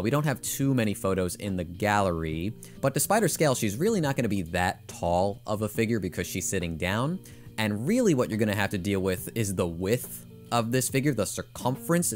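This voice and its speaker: A young man with a slightly hoarse voice, casually reviewing products in a chatty, opinionated way, thinking aloud with frequent fillers. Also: lowish voice. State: losing his voice. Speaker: figure collecting channel host.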